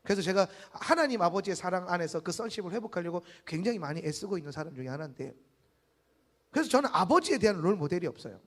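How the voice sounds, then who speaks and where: A middle-aged male pastor giving a sermon, swinging between loud exclaiming and soft confiding, and acting out quoted dialogue. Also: high voice, lively intonation, quick pace, long reverb tail. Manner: acts out quoted dialogue in small voices. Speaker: guest pastor.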